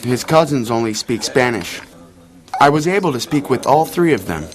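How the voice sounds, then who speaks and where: An actor playing a friendly young man in a scripted dialogue for English learners, speaking clearly and carefully. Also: medium pitch, animated, close to an everyday voice. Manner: clear, slow, carefully spoken. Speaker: lesson dialogue character.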